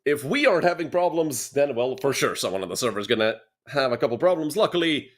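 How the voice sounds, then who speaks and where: Fast and expressive, his mid-range voice carries solo play-by-play of an esports match. The young Serbian caster also chats with viewers between plays.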